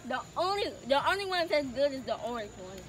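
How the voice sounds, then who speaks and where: A young woman chatting casually to her camera outdoors on a hot day, animated and slangy, raising her voice over others. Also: high voice, fairly quick, a little hiss or hum. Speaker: vlogger. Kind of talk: casual vlog chat. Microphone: handheld camera.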